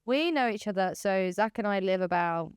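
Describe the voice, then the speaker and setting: A woman's voice: mid-range voice, lively intonation, normal speed, smooth, dry recording, clean studio sound. A young woman in her twenties co-hosting a podcast, chatting in a bubbly, jokey, self-deprecating way. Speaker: co-host. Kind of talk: casual podcast chat.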